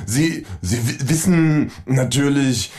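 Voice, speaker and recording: A jittery, panicky psychiatrist, played by a man in a comic audiobook, stuttering over his words and squeaking shrilly. He talks slowly and haltingly. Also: a little mellow, close to an everyday voice. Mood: panicky, stammering. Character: jittery stammering male psychiatrist.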